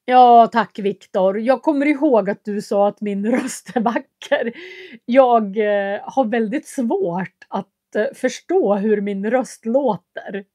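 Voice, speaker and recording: A woman's voice: fairly high pitch, dark tone, no echo, studio quality. A woman, chatting casually on a livestream as a language teacher and answering viewer comments with friendly hesitations. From Köping, Västmanland, Sweden.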